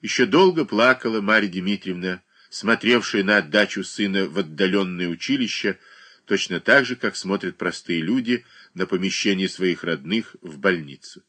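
Lowish bright male voice reading a novel, really lively delivery. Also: moderate pace. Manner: expressive, dramatic reading. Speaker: narrator. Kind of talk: audiobook narration.

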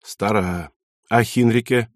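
A man's voice: fairly low pitch, slow pace, dry recording. A hard-edged young officer, read by a male audiobook narrator, clipped and commanding with a cynical streak. The voice stays close to the reader's own and sounds dry and near. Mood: casual. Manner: curt and commanding, sometimes mocking.

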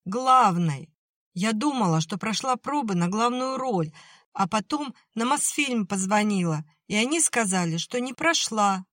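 A woman reading an audiobook, voicing a tearful, defiant young girl who talks in a high, strained voice. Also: animated, unhurried, a bit bright, dry recording, clean studio sound. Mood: sobbing. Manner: tearful, pleading, high-strung.

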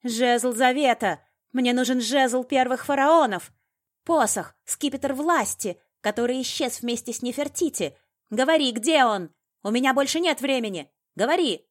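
A woman narrator voicing a fanatical female villain who shrieks and demands in a high, loud voice. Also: moderate pace, natural voice. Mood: frenzied.

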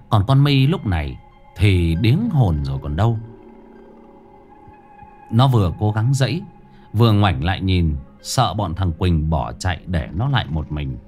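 A man narrating a ghost story in a lively, animated storytelling manner. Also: low-pitched, a little slow, pauses often, faint music behind.

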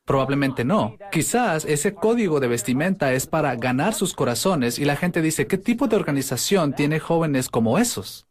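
A middle-aged man giving a humorous sermon-style talk, animated and acting out characters in quick asides. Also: fairly high pitch.

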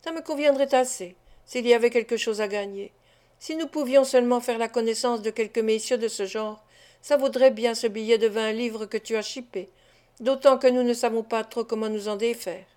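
A woman reader plays a greedy young braggart, brash and swaggering, full of himself in a storybook reading. The voice sits on the high side. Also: normal speed, darkish tone, lightly acted.

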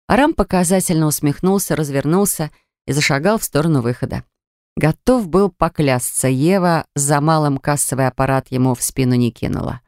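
A woman's voice: low voice, darkish tone, no room sound. Woman narrating an audiobook, dry and close. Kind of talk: scripted narration of a romance novel.

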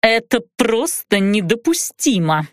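A woman voicing a haughty, capricious young blonde woman who speaks in a drawn-out, imperious, snappish way. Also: mid-range voice, expressive, slight background noise, natural voice.

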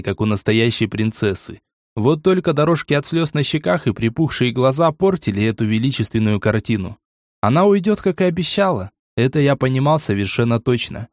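A man's voice: mid-range voice, darkish tone, no echo. Man reading an audiobook in first person, medium voice, super dry close sound. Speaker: audiobook narrator.

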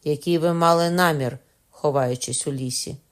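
A woman's voice: low voice, normal speed, lightly acted. A woman doing a cold, curt male judge. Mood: cold commanding. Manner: curt, commanding.

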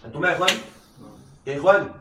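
A man's voice: a little high, very fast. Man lecturing in an echoey classroom. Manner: keeps checking students follow. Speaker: rhetoric teacher. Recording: echoey classroom, distant mic, faint hiss.

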